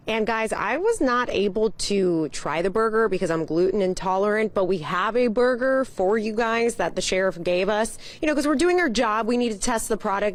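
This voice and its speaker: A woman news reporter giving a brisk, friendly report on a local story. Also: lowish voice.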